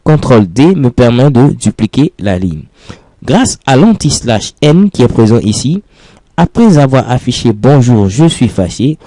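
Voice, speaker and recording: A man's voice: medium pitch, dark tone, no echo. A man teaching a programming lesson in French over a screen recording, explaining patiently step by step and repeating key phrases. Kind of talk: screencast coding tutorial.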